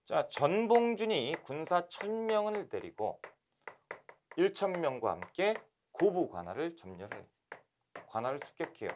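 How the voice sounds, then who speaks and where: A man from Korea giving a lively history lecture for exam candidates, telling the events as animated stories. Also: on the high side, a little slow, slight background noise. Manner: animated storytelling, acting out scenes. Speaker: history instructor.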